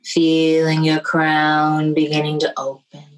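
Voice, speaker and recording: A woman leading a guided meditation in a slow, soothing, hushed way, often dropping to a near whisper. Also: low-pitched, monotone, low-quality recording.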